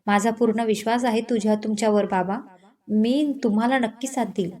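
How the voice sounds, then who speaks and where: Feisty young wife, as a woman narrator voices her, sharp, argumentative, fairly high voice. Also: steady tone, brisk, lightly acted. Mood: earnest.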